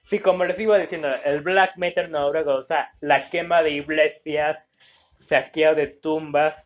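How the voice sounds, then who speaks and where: A man's voice: on the high side, steady tone, unhurried. A man with a Mexican Spanish accent giving casual gameplay commentary, rambling and searching for words as he reads game words aloud. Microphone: phone. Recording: dull lo-fi phone recording.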